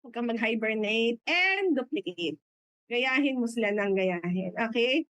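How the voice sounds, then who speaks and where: A high-pitched middle-aged woman with a Filipino accent, coaching listeners in a lively motivational talk. She laughs often and jumps into quoted voices. The sound is dry and close, with almost no room echo. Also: unhurried. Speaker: business mentor.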